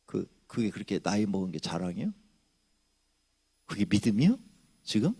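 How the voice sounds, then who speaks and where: A man in his sixties preaching a Friday night sermon in church, with a gravelly, husky voice. His pitch leaps and dips a lot, from loud exhortation down to quiet muttering. He talks straight at the congregation with rhetorical questions. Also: big pitch swings, moderate pace. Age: 60s. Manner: swings from loud shouting to low muttering asides. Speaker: pastor. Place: church sanctuary.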